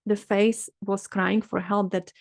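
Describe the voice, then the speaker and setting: Woman, Czech accent, middle-aged, dermatologist leading a workshop, earnest, halting, even pitch, dry close sound. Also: vocal fry, dry recording. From Czech Republic. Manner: earnest, halting, many fillers and restarts. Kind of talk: workshop talk.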